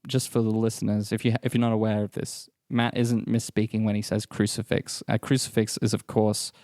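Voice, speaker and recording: A man co-hosting a comedy podcast, riffing deadpan about a made-up movie with many ums and uhs. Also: fairly low pitch, fairly quick, no echo, clean studio sound. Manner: deadpan, hesitant with many fillers. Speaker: podcast co-host.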